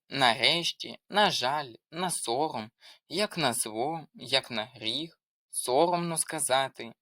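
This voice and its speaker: A tutor walks through a grammar lesson in a bright, forceful voice, listing examples one after another in a steady, methodical way. The sound is dry and close, with no room echo. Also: mid-range voice. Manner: methodical, reading out lists of examples. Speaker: language tutor. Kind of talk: explanatory lesson.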